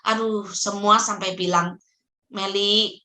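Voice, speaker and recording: A middle-aged woman, a parenting guest who tells stories in lively casual talk and acts out voices. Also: medium pitch, slow pace. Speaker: podcast guest, parenting practitioner.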